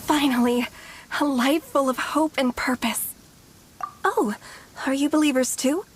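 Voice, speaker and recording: A woman's voice: high-pitched, measured pace, slight background noise. A woman voicing a devoted, hopeful young woman in a video game, fervent and heartfelt.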